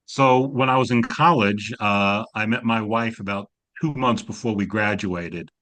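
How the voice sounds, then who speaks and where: A man in his sixties with a slight New York accent tells wry family stories during a Zoom class discussion. His voice sits on the low side, unhurried and a bit bright.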